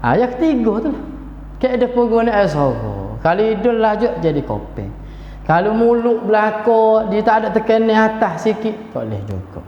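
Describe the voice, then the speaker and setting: A man's voice: high-pitched, very animated, moderate pace, slight background noise. A man with a Kelantanese Malay accent teaching a Quran class in a chatty way and chanting short passages to show how they are recited. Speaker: religious teacher. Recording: echoey hall, dull lo-fi sound.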